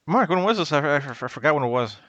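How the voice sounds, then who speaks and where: A man's voice: a little high, animated, quick pace, a bit bright, dry recording, muffled recording. A man in his thirties chatting casually as he streams a video game. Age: 30s. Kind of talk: casual gaming chat.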